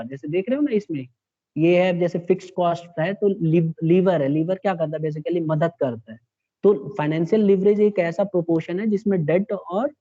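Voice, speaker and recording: A man's voice: high voice, dark tone. Male teacher lecturing a class, dull lo-fi sound. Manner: explains step by step, checks in with students.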